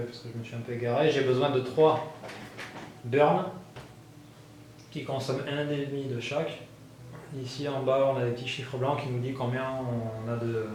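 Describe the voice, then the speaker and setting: A man narrating his solo board game playthrough, thinking aloud with many fillers and bursts of excitement at dice rolls. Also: medium pitch. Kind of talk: casual thinking-aloud gameplay commentary. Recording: very echoey room with faint background noise.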